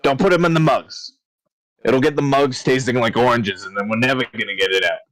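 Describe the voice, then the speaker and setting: A man's voice: medium pitch, a little fast, fairly bright tone, no echo, voice pushed down, lightly acted, low-quality recording. A man playing a thrifty male tavern keeper who rambles on, chatty and fussy about his mugs, in a tabletop game.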